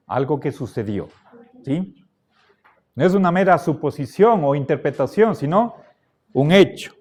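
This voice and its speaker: A man teaching a class, lecturing deliberately and checking in with his students again and again. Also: on the high side, darkish tone. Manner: slow, deliberate, checks understanding with frequent "¿sí?".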